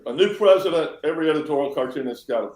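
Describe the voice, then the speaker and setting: A man's voice: on the high side, lively intonation, rapid-fire, a little mellow. A man, an editorial cartoonist, talking earnestly and with emphasis in a casual chat. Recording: roomy echo.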